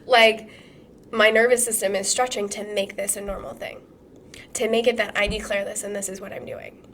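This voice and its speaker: A hoarse woman who is sick, teaching a live-streamed trauma-healing masterclass in a casual, swearing, animated way full of rhetorical questions. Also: medium pitch, normal speed, slight background noise.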